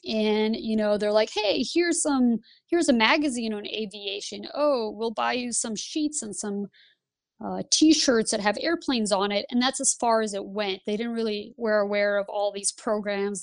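A woman, a podcast guest telling her story in a lively, casual way. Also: medium pitch, measured pace, creaky, dry recording. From Lithuania. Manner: lively, laughs while telling stories. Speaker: guest, Air Force pilot instructor.

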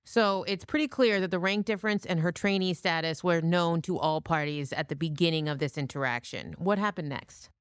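A woman's voice: lowish voice, brisk, few pauses, dry recording, studio quality. An American woman hosting a scripted legal discussion as a military lawyer. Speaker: podcast host, military lawyer.

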